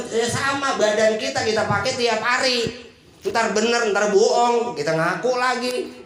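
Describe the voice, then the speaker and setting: A man with a Betawi accent giving a humorous sermon to a women's gathering, joking and acting out quoted voices. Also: extremely high pitch. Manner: jokey, acts out quoted voices. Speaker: preacher. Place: monthly religious gathering hall. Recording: very echoey hall, distant mic.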